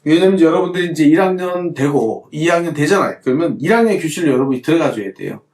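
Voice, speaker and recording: Animated man teaching calligraphy, echoey room. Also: on the high side, quick pace. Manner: animated, repetitive, rhetorical questions to students. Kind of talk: hands-on lesson while demonstrating.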